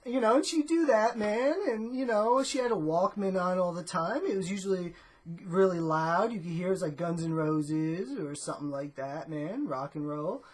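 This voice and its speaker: Breathy, drawling laid-back woman. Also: on the low side, normal speed, darkish tone. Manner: drawling stoner-dude talk, ends phrases with "man"; rambling, full of "you know" and "uh". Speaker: vlogger. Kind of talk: laid-back comedic vlog monologue.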